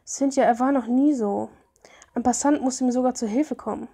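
Woman reading as a calm young heroine. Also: on the high side, moderate pace. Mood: earnest.

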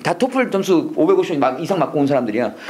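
An English prayer instructor giving a classroom lecture, drilling phrases call-and-response style, urging the class to go faster, and breaking in with joking asides. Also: medium pitch. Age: adult, past seminary studies. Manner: energetic, coaxing, repeats drill phrases and urges speed; jokey asides and chuckles between drills.

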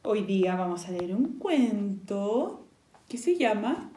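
A woman's voice: medium pitch, sing-song, slow, dark tone. Woman teacher reading a children's story. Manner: asks children questions in whispered asides. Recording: echoey room.

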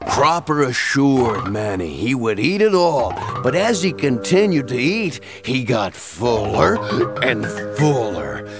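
A man narrating a children's cartoon story in a gentle, measured way. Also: medium pitch. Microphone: studio voice-over. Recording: music bed under the voice.

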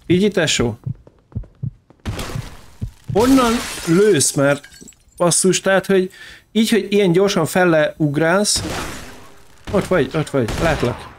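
A man hosting a gaming channel, giving casual let's-play commentary, excitable, swearing and taunting the enemies on screen. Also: high-pitched, long pauses, slight background noise.

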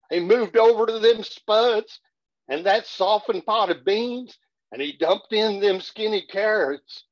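A man in his sixties with a folksy cowboy drawl, telling stories and reciting cowboy poetry on a video call. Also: a little high. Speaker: cowboy poet and storyteller. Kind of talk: reciting humorous cowboy poetry to an online audience. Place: small curtained room at home, indoors. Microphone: video call, computer at arm's length. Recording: dull, echoey webcam audio.

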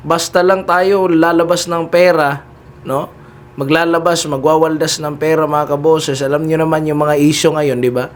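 A man's voice: on the high side, steady tone, moderate pace, a little hiss or hum. A man hosting political commentary, talking to his listeners directly and tagging his sentences with "no?" and "di ba?". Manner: keeps addressing listeners, heavy "no?" and "di ba?" tags.

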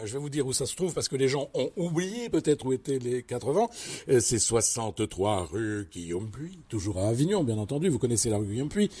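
A man's voice: medium pitch, dark tone, husky. A man hosting a chatty radio interview, effusive and joking, heaping praise on his guest. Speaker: radio host.

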